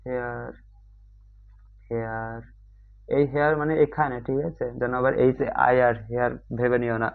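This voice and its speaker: A man teaching an exam-prep grammar class online in a chatty way, often checking if students follow and calling them brother. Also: medium pitch. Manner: chatty, keeps asking "ঠিক আছে?"; addresses students as "bhai", mixes English terms. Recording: tinny phone-like audio.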